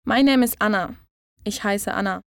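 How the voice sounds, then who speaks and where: Female tutor, clear deliberate delivery, dry close sound, for phrase-lesson reads. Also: medium pitch, no echo. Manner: clear, measured model pronunciation. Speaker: language tutor.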